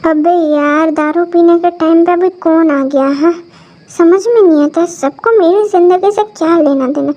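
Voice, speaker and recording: A woman's voice: very high voice, moderate pace, warm tone. A woman voicing a drunk, lovesick young man who slurs and stammers. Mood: drunk grumbling. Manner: slurred, stammering speech. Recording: dull lo-fi recording.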